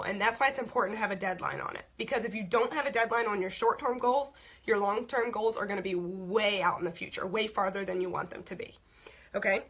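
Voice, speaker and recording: A young woman talks her team through goal-setting, blunt and chatty, tacking "okay?" onto her points. Her voice is bright but husky and wearing hoarse. She sounds like a leader coaching people she knows. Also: mid-range voice. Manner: frank, repeats "okay?" often. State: voice going hoarse. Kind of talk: casual instructional talk.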